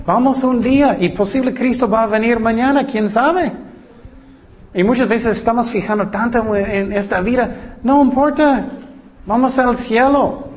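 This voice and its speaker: A man preaching a sermon, repeating key words for emphasis and reading scripture slowly and deliberately. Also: high-pitched, big-room sound. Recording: dull lo-fi recording.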